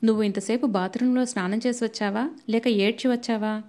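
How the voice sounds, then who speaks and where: A woman voicing a stern, quick-tempered young husband. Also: a little high, fairly even intonation, close to an everyday voice. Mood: affectionate. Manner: sharp, stern scolding.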